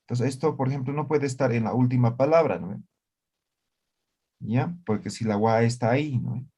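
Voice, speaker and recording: Man, language teacher, online class, patient explanations, keeps asking if it's clear. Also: medium pitch, normal speed, dark tone, highs cut off. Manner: explanatory, checks understanding with frequent "¿ya?" and "¿no ve?".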